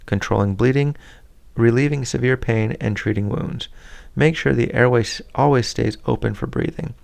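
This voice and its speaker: A man reads a first-aid manual aloud in a steady, unhurried way, now and then stumbling and restarting a word. His voice sits at a middle pitch and carries a strong gravelly fry throughout. He breaks off briefly to comment on the text. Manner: plain, steady read with small slips and restarts. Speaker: reader of a scout handbook.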